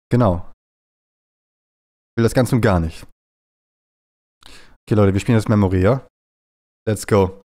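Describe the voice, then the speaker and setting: A man's voice: fairly low pitch, darkish tone. A man chatting casually on a live stream while playing a game, playful and jumpy, slipping into silly bits, with a stuffy, runny nose from a cold.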